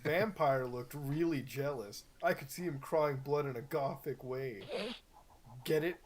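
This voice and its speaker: A man's voice: medium pitch, unhurried, slight background noise. A young man doing a mocking dramatic reading, full of sarcastic, wry asides.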